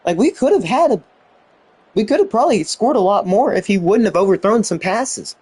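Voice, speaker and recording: A young man giving excited commentary on a football video game he is playing, exclaiming and mildly swearing. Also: high voice, a little fast, slightly rough. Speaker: gaming YouTuber.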